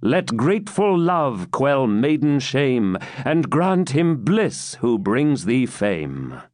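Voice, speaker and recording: An earnest, courtly knight, voiced by a man reading aloud speaks with formal warmth. His lines rise and fall in a lively, lilting way at an unhurried pace. The sound is close and dry. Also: medium pitch, no echo. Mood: ardent.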